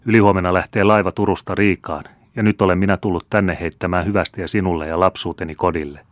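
A man's voice: low-pitched, fairly even intonation, no room sound, lightly acted. A man reading an old storybook tale, voicing an ardent seventeen-year-old count who speaks earnestly and pleadingly.

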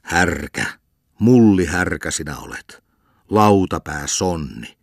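A man voicing a pompous, hot-tempered village sexton who preaches haltingly and shouts in fury, in a storybook reading. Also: on the low side, lively intonation, no room sound, clean studio sound, pitched above the performer's own voice. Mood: furious. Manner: preachy, halting sermon delivery turning to furious shouting.

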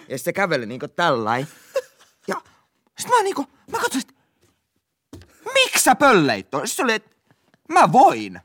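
Animated swearing man telling a story. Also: on the high side, no echo. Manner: animated, swearing, acts out quotes. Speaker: podcast co-host. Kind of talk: casual storytelling chat.

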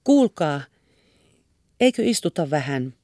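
A woman's voice: sits low, big pitch swings, dark tone, no room sound, clean studio sound. A woman reader voicing an anxious young woman who pleads tenderly and earnestly. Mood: pleading. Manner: earnest and imploring.

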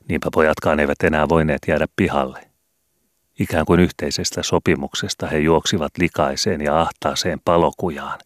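Very deep-voiced male audiobook reader. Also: dry recording, studio quality. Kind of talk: audiobook narration.

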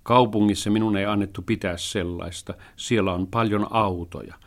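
A man's voice: lowish voice, steady tone, close to an everyday voice. A man voicing a cheerful, earnest young boy in a storybook reading. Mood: friendly.

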